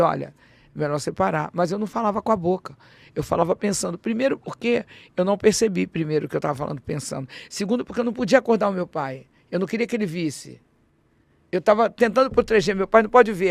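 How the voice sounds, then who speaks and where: A woman with a gravelly voice recounts a personal experience as a podcast guest. She talks animatedly and acts out the dialogue, stumbling and restarting often. The sound is dry and close, with no room behind her. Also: medium pitch, no echo. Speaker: interview guest. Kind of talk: personal storytelling in a podcast interview.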